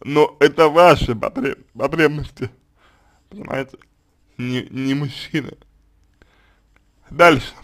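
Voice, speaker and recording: Calm, hesitant man giving advice. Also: a little high, takes it slowly, pauses often. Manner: hesitant, many fillers and restarts. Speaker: consultant answering a question. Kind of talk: unscripted spoken advice.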